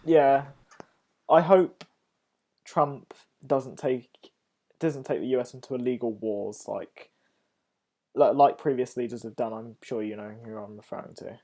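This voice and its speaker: A man's voice: mid-range voice, fairly even intonation, measured pace, long pauses, warm tone. A man hosting a casual interview, often stumbling and repeating his words. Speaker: host.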